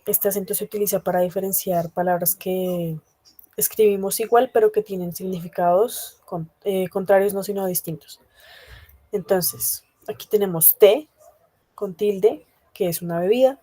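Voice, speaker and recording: Patient woman teacher, mellow and dry. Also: medium pitch, no room sound. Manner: patient, checks understanding often; many hesitation fillers. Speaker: language teacher. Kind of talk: explaining a grammar lesson to a class.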